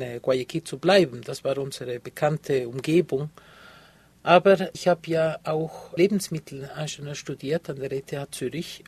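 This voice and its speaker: A photographer from Ecuador in his fifties answers interview questions as a guest, sounding hesitant and using many filler sounds. His voice is a little high, husky and darkish in tone.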